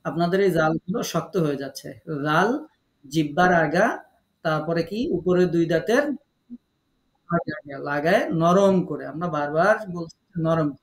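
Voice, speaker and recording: A man with a somewhat high, gravelly voice leads an online recitation class. He calls on students one by one and coaxes them patiently. He repeats each syllable slowly for them to copy. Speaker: Quran recitation teacher.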